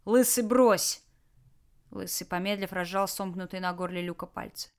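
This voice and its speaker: A woman narrating an action audiobook with a lively, dramatic delivery. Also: lowish voice, a little fast, clean tone. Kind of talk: expressive scripted narration.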